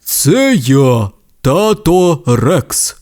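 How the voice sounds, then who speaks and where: A kindly dinosaur father speaking slowly and calmly, as a man puts him on in an audio tale. The voice sits a touch higher than most men's and still moves a lot. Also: exaggerated voice. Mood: fatherly. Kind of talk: storybook voice acting.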